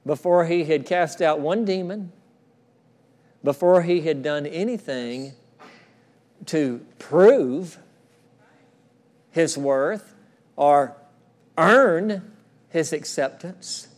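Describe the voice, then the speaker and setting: A middle-aged male pastor preaching a sermon in a church, earnest, repeating phrases and dropping to a soft hush for quoted words. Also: on the high side, very slow, pauses often. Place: church sanctuary.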